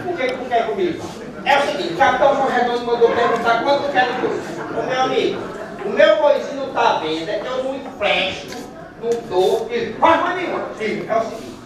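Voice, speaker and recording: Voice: mid-range voice, brisk, lightly acted. A performer voicing cheeky, quarrelsome male characters in a live folk puppet show, exclaiming and bantering. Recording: echoey venue, distant, audience chatter.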